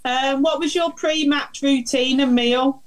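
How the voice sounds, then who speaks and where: A woman with a Brummie accent, co-hosting a podcast and firing quick questions at a guest in a brisk, friendly way. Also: sits high, steady tone, poor audio. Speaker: co-host asking questions. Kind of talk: quick-fire interview questions.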